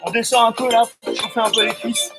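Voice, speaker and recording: A middle-aged fitness coach leads a live home cardio workout outdoors in front of a house, urging people on with short, energetic commands while exerting himself. His voice is extremely high, a little fast, with vocal fry. A camera a few metres away picks him up over workout music.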